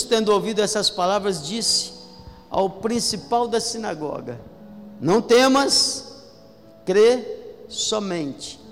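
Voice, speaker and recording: Brief: Brazilian male pastor, high voice, emphatic sermon delivery, faint music behind. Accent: Brazilian Portuguese. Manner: emphatic preaching, calls out to the congregation. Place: church hall. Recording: echoey hall with faint music.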